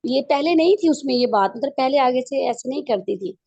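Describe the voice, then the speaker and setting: A woman's voice: high voice, lively intonation, brisk, creaky, dark tone, breathy edge, dry recording, dull audio. A mother asking for parenting advice, speaking hesitantly and explaining her concerns through examples. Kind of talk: questions in an advice session.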